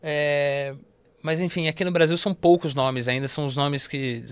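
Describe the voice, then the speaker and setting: A man's voice: on the high side, moderate pace, smooth, no echo. A man from Brazil, a guest at an investment firm, talking through ideas in a casual podcast interview with lots of fillers and restarts. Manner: animated, explanatory, many fillers and restarts.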